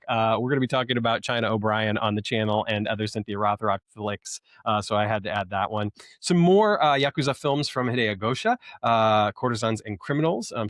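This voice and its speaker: The host of a film collecting channel does a casual unboxing, talking enthusiastically but in a rambling, hesitant way full of ums. His mid-range voice is a bit bright and studio quality, with no room sound.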